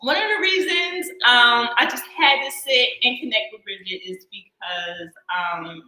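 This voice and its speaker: A woman hosts a relaxed chat and talks with bubbly enthusiasm, full of little fillers. Her voice is bright and clear. She sounds like she is on a video call from a room with a lot of echo. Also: on the high side, unhurried. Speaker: host. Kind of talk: casual conversation.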